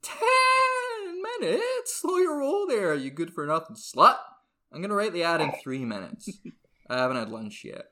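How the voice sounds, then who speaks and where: A man's voice: medium pitch, very animated, fairly quick, fairly bright tone. A man playing a brash, irritable, eccentric ad agency boss in a comedy script, volatile and blustering. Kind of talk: comedy script read aloud.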